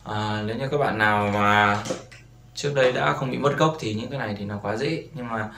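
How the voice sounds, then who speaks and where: A man's voice: on the low side, a little fast, gravelly, pushed and bright. Guy teaching beginner english, says everything twice, roomy echo, bit of hiss behind. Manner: patient, repeats words and asks "right?". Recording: roomy echo with faint background noise.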